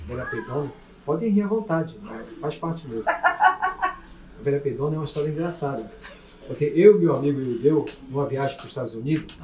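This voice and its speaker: A man's voice: mid-range voice, a little mellow. A man telling a rambling, chatty anecdote in a casual voice message. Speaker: listener sending a voice message. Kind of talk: casual storytelling. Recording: echoey, distant voice message.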